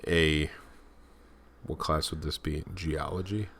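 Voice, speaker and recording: Deep-voiced joking male co-host. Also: fairly even intonation, slow pace, fairly bright tone. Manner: joking, playful. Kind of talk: casual chat.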